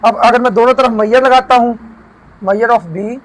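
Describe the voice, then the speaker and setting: A man teaching math, walking through a proof and slowing down to dictate each formula term by term. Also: very high-pitched, steady tone, poor audio. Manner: often checks in with "theek hai". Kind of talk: lecture explaining a proof.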